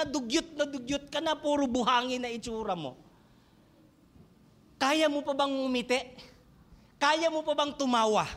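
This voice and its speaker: A man's voice: very high voice, fairly bright tone. A man with a Filipino accent preaching a sermon in church, switching between Tagalog and English and asking the congregation questions. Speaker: pastor.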